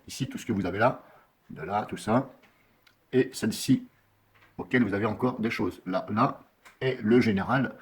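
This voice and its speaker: Casting note: man, lowish husky voice, chatty screen-capture tutorial, loose and self-correcting. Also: a little mellow. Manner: rambling, corrects himself often, many fillers. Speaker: software tutorial maker. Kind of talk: casual screen-recorded software tutorial.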